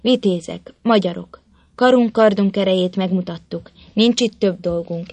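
A woman's voice: mid-range voice, darkish tone, no room sound, lightly acted. A woman reading as a proud young prince. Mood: rousing. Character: young heroic prince leading warriors.

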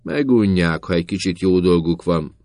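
A man's voice: very animated, no echo. A man voicing a tall, domineering sergeant who mocks and bullies in a read story. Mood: scornful. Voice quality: booming, gruff.

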